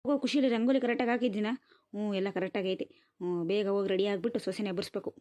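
A woman's voice: mid-range voice, fairly even intonation, fast, dark tone, lightly acted. A woman voicing a complaining middle-aged village mother-in-law in a comic cartoon. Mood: chatty. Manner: complaining, sighing, talks to viewers. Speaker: cartoon voice actor.

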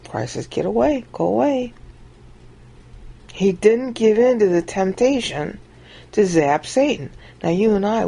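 A woman with a creaky, husky, dark-toned voice delivers an informal Bible teaching monologue over a screen recording. She acts out quoted passages with big jumps in pitch.

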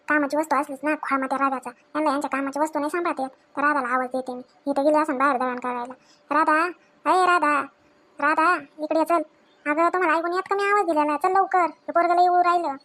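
Scolding high-voiced woman in a home drama. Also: a bit bright. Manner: scolding, demanding, quick-tempered. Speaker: mother-in-law in a home drama.

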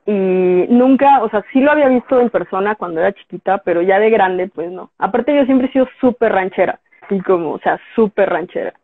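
A graphic designer with a Mexican Spanish accent tells a story casually in an interview, animatedly acting out the dialogue she quotes. Her medium-pitched voice is slightly rough and a little fast, and the recording is tinny, phone-like and dry with no echo.

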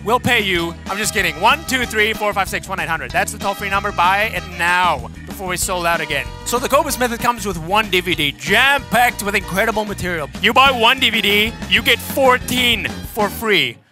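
A man playing a pushy, hyperactive male infomercial pitchman with a thick American accent, shouting his sales pitch. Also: expressive, moderate pace, hardly any pauses. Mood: frantic. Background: music.

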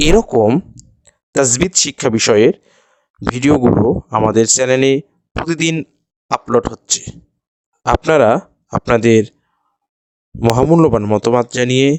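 A man's voice: medium pitch, no echo. A man teaching Quran recitation rules, patiently repeating each rule step by step and chanting the examples. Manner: chants the example words melodiously. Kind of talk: slow step-by-step tajweed lesson.

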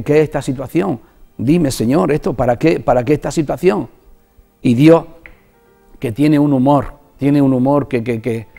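Earnest Spanish pastor with a mellow voice. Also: male voice, mid-range voice. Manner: earnest, halting, repeats words when moved. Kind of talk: personal testimony in a religious TV interview.

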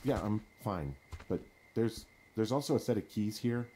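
An actor playing a wry, cautious fire lookout with a dry, sardonic manner in a naturalistic video game. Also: male voice, on the low side, lively intonation, normal speed, mellow, slight background noise, close to an everyday voice. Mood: uneasy.

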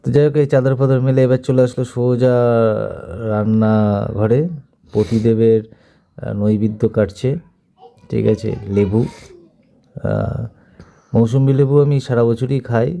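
A man's voice: medium pitch, fairly even intonation, unhurried, creaky, long pauses, warm tone. A man with a slight sore throat, narrating a family vlog in a rambling, repetitive, self-mocking voice-over. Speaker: vlogger narrating his wife's day. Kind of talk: casual voice-over commentary.

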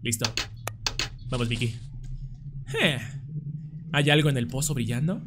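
A man's voice: medium pitch, unhurried, heavy background noise. A young man commenting casually and jokingly as he plays a horror game, breaking into panicked screams at scares. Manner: chatty, jokey, screams in panic. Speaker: gameplay commentator.

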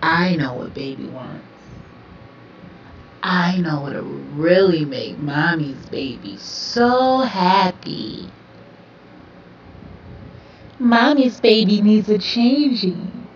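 A young woman speaking slowly in a soft, breathy half-whisper, soothing yet commanding and repeating her phrases. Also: on the low side. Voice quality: breathy, often slipping into whisper. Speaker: roleplay audio performer. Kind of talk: whispered hypnotic roleplay ASMR. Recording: roomy, distant, dull lo-fi sound with faint hiss.

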